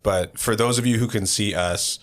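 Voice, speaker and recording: A man's voice: fairly low pitch, normal speed. A man hosting a podcast, casually explaining business basics in a rambling way with frequent restarts. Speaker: podcast host.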